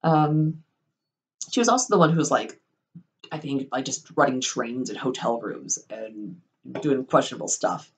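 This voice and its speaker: A woman's voice: a bass voice, normal speed. A young woman in a casual storytelling vlog, rambling with lots of ums and likes, swearing freely and wryly. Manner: rambling, full of ums and likes, profane and wry.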